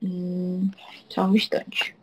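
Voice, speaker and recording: A woman's voice: fairly low pitch, monotone, very slow, a bit bright, breathy edge, faint music behind. A woman teaching Portuguese in an online class, explaining step by step and checking in often with her students.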